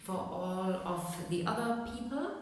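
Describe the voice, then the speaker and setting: A woman's voice: mid-range voice, expressive, measured pace. A woman hosting a tarot reading, talking informally and directly to her viewers in a casual, chatty way. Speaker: tarot reader and channel host. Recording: very echoey, reverberant room.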